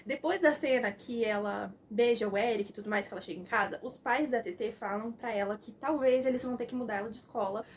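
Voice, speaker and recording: A young woman with a Brazilian Portuguese accent recaps a film in a casual, animated way and slips into the characters' lines as she goes. Her voice sits high. A faint hiss runs under the recording. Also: fast talker, hardly any pauses. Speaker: film reviewer.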